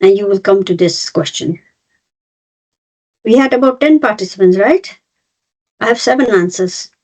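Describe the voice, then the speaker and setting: Speaking at a medium pitch and normal speed, this woman sounds animated and a little mellow. She's in her fifties, from Nepal and India, and runs an online webinar as a cross-cultural trainer, walking through points step by step with frequent fillers and restarts. It's captured over a video call with dull, lo-fi sound.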